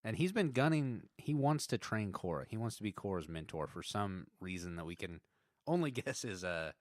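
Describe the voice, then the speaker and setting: Lively-pitched man in casual podcast chat. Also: no echo, studio quality. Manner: laughs often, halting restarts, reads trivia aloud. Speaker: podcast co-host.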